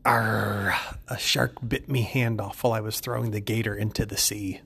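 Guy doing a low gravelly old pirate growl, arr and all, joke voice. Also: steady tone, moderate pace, a bit bright, heavily acted. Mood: gruff. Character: gruff old male pirate, peg leg and hook. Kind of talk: telling a joke on a podcast.

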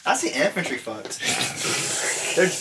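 Lively slangy man, very noisy recording. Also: a little high, slow pace. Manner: crude, slangy, frequent "bro". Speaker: podcast guest. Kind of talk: casual banter.

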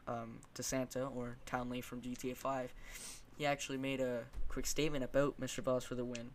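A man's voice: mid-range voice, little pitch movement, brisk, slight background noise. A man hosting a casual podcast, talking in long rambling runs with many fillers and asking his guest questions. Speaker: podcast host.

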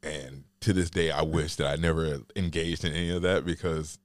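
A man's voice: rumbling low, steady tone, moderate pace, crowd noise. A man hosting a podcast, chatting casually and rambling with lots of "like" fillers. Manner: rambling, heavy use of "like" fillers. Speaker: podcast host.

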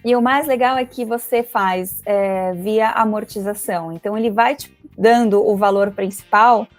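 A woman speaking as a financial advisor guest in a casual interview, talking quickly and chattily with many fillers. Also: mid-range voice, steady tone, no room sound, faint music behind. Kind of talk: casual interview explaining investments.

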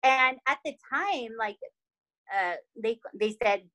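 A young adult woman casually telling a true crime story, animated and dramatic, peppering her talk with "like" and "right?". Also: a little high, slow, rough recording.

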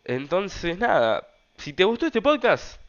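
A man's voice: sits high, sing-song, unhurried, highs cut off. Young Argentine man rambling through a story. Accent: Argentine Rioplatense Spanish. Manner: rambling, loose, slangy, many fillers. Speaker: podcast host. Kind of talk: casual storytelling monologue.

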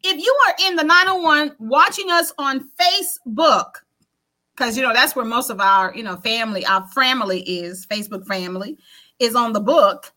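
A woman's voice: a little high, normal speed, bright, forceful tone. A woman, chatting playfully as co-host of a morning show and calling on viewers to comment. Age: 50s. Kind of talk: casual chat.

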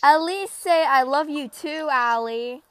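A woman's voice: high-pitched, slow, a bit bright. A woman hosting a casual podcast chat with friends, teasing and laughing often. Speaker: podcast host.

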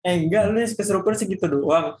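A man's voice: sits high, fairly quick, a little mellow. A man in a casual podcast chat, prodding with follow-up questions. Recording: roomy echo with faint noise.

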